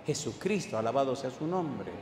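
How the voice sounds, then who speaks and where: A male pastor preaching a sermon, peppering the congregation with repeated call-and-response questions and building to loud declarations. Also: mid-range voice, animated, moderate pace. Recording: echoey hall with faint background noise.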